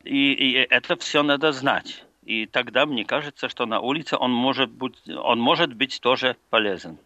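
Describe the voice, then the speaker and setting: A man with a Polish accent speaks as a phone-in caller in a bright, tense voice. He talks haltingly, searching for words in a second language. The sound is close and dry. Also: mid-range voice, no room sound, highs cut off. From Poland. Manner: halting, searching for words in non-native Russian. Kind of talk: live radio call-in conversation.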